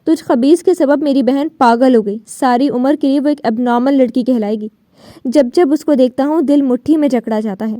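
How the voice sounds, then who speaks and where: Brief: woman narrator voicing a sneering vengeful young man, audiobook, high pitch. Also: dark tone, dry recording, clean studio sound, close to an everyday voice. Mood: menacing. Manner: menacing, sneering. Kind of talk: audiobook novel reading.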